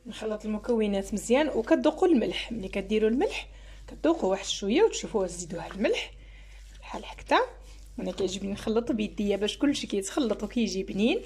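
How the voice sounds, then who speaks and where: A woman's voice: mid-range voice, animated, rapid-fire, darkish tone. A woman with a Moroccan Arabic accent hosting a home cooking channel, walking viewers through each step of a recipe in a chatty way as she works in her kitchen. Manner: chatty, explains each step while working. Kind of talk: cooking tutorial voice-over.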